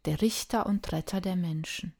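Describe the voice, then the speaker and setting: A woman voicing a hushed, solemn heavenly voice. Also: on the low side, normal speed, slightly rough.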